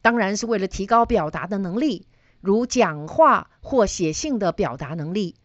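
A woman's voice: mid-range voice, animated, normal speed, dry recording, highs cut off. A middle-aged woman teaching data analysis, explaining ideas through personal stories and putting questions to her listeners. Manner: storytelling, asks listeners questions.

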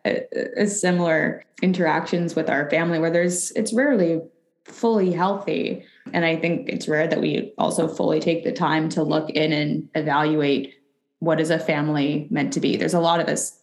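A woman interviewer asking gentle, probing questions. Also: sits low, steady tone, normal speed. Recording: roomy, echoey sound.

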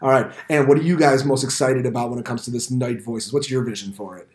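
A man's voice: medium pitch, fairly even intonation, fast, a little mellow. American man hosting in a roomy studio. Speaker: podcast host and teacher. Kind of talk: casual hosting and interviewing. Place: indoor school podcast studio. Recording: roomy, reverberant room sound.

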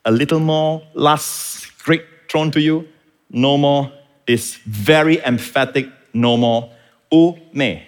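A man preaching a sermon, teaching calmly and then rising to impassioned shouts. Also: on the high side, slow pace. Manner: teaching, explains Greek words. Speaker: pastor.

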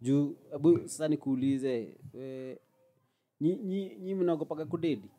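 A man's voice: fairly high pitch, moderate pace, warm tone. A young man with a Kenyan accent putting questions to friends in casual, slangy conversation. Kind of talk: casual group discussion.

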